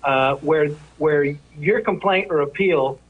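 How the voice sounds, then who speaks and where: A man interviewed as an industry executive, giving measured, careful answers that lay out points in order. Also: fairly high pitch, slightly rough. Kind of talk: formal explanatory answers. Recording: tinny phone line.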